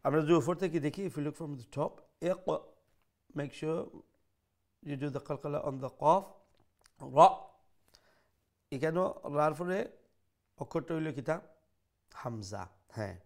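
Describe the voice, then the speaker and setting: A middle-aged man teaching Quran recitation, chanting verses slowly and explaining pronunciation in mixed with English. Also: a little high, darkish tone.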